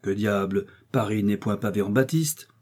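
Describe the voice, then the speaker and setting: A man's voice: lowish voice, normal speed, darkish tone, lightly acted. A man reading an audiobook, voicing a young male musketeer who speaks coldly and with precise irony. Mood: coolly mocking. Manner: cool, mocking, precise.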